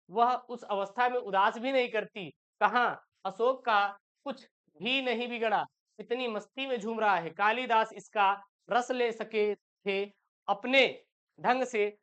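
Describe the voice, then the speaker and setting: A male teacher, giving an exam-prep lesson. He reads set texts aloud slowly and keeps asking questions that he answers himself. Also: high-pitched, fairly bright tone, clear, resonant tone, dull audio.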